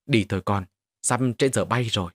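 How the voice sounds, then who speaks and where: A man voicing an elegant, wealthy mother who talks in a soft, coaxing way. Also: on the low side, normal speed, dry recording, clean studio sound, lightly acted.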